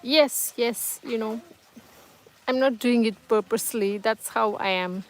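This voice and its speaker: Speaking at a measured pace in a fairly high voice, a Tamil-speaking woman runs a casual home livestream. She reads viewers' comments and talks with them in a hesitant, comforting way, frequently using fillers and starting over.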